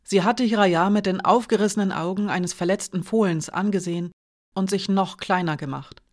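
A woman narrating an audiobook in a measured, expressive reading. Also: medium pitch.

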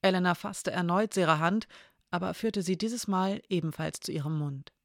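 A calm, measured storyteller reading aloud. The voice has a gravelly edge in a middle register. The recording is close and dry, with no room echo. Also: medium pitch. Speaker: narrator. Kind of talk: audiobook reading of an intimate story.

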